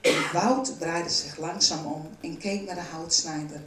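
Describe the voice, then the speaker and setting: A woman reading a children's storybook aloud in a calm, even narrating voice. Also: lowish voice, measured pace, slight background noise. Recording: roomy, from a distance.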